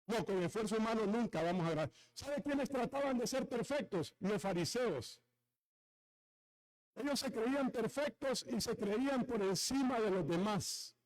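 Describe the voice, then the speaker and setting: A man's voice: moderate pace, rough recording. A male pastor preaching a sermon, retelling a story with dramatic swings and asking the congregation questions. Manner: lively pitch swings from high to low.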